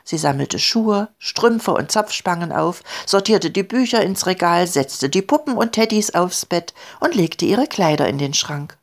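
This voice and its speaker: A woman reading aloud her own children's story, with calm, expressive storytelling. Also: on the low side, unhurried, hardly any pauses. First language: German. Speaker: author and reader.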